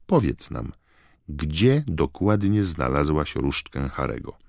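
A man doing a calm, patient wizard. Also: extremely low pitch, slow, gravelly, no echo, clean studio sound, heavily acted. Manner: gentle, patient. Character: calm, reasonable middle-aged male wizard. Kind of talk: audiobook character voice.

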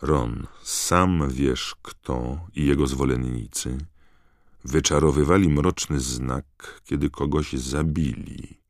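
A man voicing a tired, impatient middle-aged father who speaks briskly and curtly, in an audiobook. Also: extremely low pitch, dry recording, studio quality, heavily acted. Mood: grave. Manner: brisk, clipped.

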